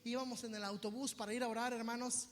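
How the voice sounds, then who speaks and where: A man with a Mexican Spanish accent preaching a sermon as pastor, emphatic and swinging from hushed to loud. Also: extremely high pitch, flat delivery, quick pace, slight background noise. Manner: emphatic preaching that swings from hushed to shouted, acting out voices of others. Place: church sanctuary. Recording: long reverb of a church hall.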